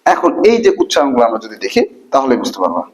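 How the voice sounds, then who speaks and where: A man teaching a grammar lesson to a class, asking many quick questions in a casual, colloquial way. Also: medium pitch, sing-song, poor audio.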